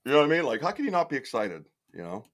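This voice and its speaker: A man hosting a casual live stream, chatty and excitable, laughing often and swearing casually. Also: medium pitch, racing. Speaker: podcast host on a live stream.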